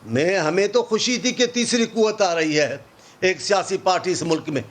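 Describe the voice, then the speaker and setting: Brief: man, high-pitched, heated opposition politician, sarcastic, rhetorical. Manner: impassioned, sarcastic, fires rhetorical questions. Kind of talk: political talk show debate.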